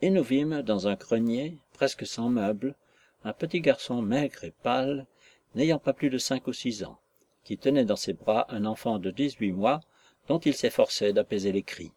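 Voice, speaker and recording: A man narrating a classic novel in a measured, literary storytelling manner. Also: medium pitch, a little mellow. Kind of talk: audiobook narration.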